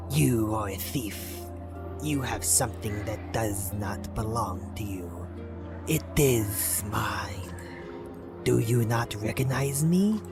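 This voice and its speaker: A man voicing an ancient monumental serpent that speaks slowly and menacingly. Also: mid-range voice. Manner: slow, drawn-out, ominous delivery.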